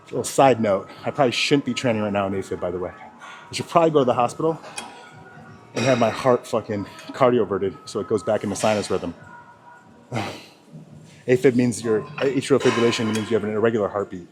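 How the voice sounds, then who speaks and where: A man talking casually in a gym vlog while out of breath, rambling and swearing, with lots of sidetracks. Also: fairly low pitch. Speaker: fitness vlogger. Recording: music playing clearly behind.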